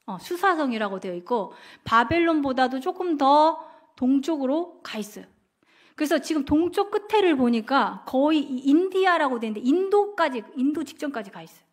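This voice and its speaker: A woman's voice: high-pitched, lively intonation, moderate pace. A woman evangelist teaching a Bible class in a casual, conversational way, constantly asking her listeners questions. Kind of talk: interactive Bible lesson.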